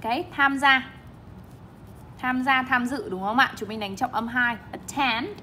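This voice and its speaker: Woman, English teacher, young adult, bright voice, emphatic word modeling, bilingual classroom explanation. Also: fairly high pitch, unhurried, slight background noise. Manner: emphatic, stresses syllables while modeling words.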